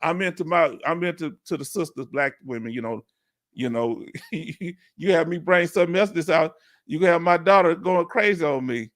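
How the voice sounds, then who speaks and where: A middle-aged man with a Houston, Texas accent chats casually with viewers on a live Q&A stream. He talks in a relaxed, rambling way and laughs easily, and his voice sits a bit higher than most men's. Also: normal speed. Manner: laid-back, chatty, laughs often. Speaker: livestream host.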